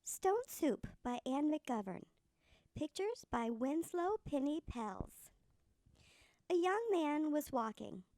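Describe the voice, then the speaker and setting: Woman playing a sweet, high, creaky little old granny. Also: dry recording, clean studio sound, full character voice. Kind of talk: storybook read-aloud.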